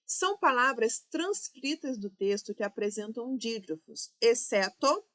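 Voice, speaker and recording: A woman's voice: a little high, lively intonation, measured pace, a bit bright. A woman with a Brazilian Portuguese accent, teaching an exam-prep grammar lesson, explaining step by step and checking in with "ok?" and "né?".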